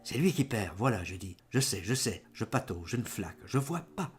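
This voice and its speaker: A man's voice: medium pitch, sing-song, normal speed, breathy edge, faint music behind. A man giving a dramatic literary reading, in short, exclamatory, broken phrases. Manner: fragmented, exclamatory, theatrical phrasing. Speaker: reader of a literary audiobook.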